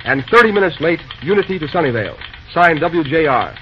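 An actor playing a busy young railroad dispatcher in an old-time radio drama, talking briskly in folksy slang. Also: male voice, fairly high pitch, lively intonation, close to an everyday voice. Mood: businesslike. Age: young adult. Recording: dull, noisy old radio recording.

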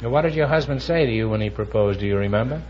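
A man hosting a quiz show, teasing his guests with sly quick wisecracks. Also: medium pitch. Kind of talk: wisecracking interview banter. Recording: dull old broadcast with hiss, audience.

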